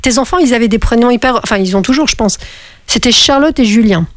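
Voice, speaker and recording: A woman's voice: a little high, fast talker, no echo. A middle-aged woman, hosting a radio show and chatting casually on the phone, with lots of restarts. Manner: chatty, laughing, many restarts. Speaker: radio host. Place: radio studio.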